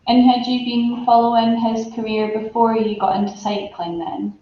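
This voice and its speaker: A woman's voice: fairly high pitch, flat delivery, moderate pace. A woman hosting a casual interview, asking questions in a conversational way. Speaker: interviewer, host. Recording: echoey room, dull audio, noisy background.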